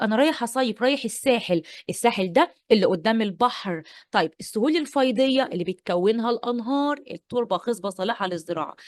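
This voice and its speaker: A woman's voice: a little high, no room sound. A woman teacher with an Egyptian accent giving an exam-prep lesson, playful, repeating points and quizzing her pupils. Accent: Egyptian Arabic.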